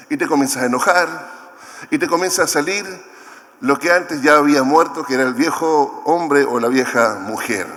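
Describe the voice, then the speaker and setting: Animated Chilean pastor in a reverberant hall. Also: male voice, a little high. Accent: Chilean Spanish. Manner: animated preaching, acts out the scripture voices. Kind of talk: sermon.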